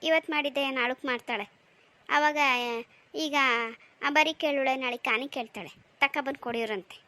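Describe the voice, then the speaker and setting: A woman's voice: high-pitched, moderate pace, pushed and bright, no echo. A woman voicing a strict young village mother in a cartoon, scolding in a snappy way.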